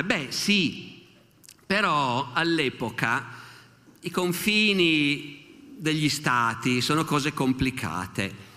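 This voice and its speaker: A man in his sixties from Italy giving a public history lecture at a festival, telling the story in a lively way and quoting witnesses with animated asides. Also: mid-range voice. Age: 60s. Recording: long hall reverb.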